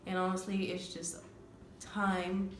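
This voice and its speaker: A woman's voice: mid-range voice, completely flat delivery, takes it slowly, reverberant, a little hiss or hum. A woman from the Caribbean, co-hosting a casual couple's vlog, talking earnestly with many fillers and restarts. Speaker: vlogger, co-host of a couple's channel. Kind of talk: casual chat.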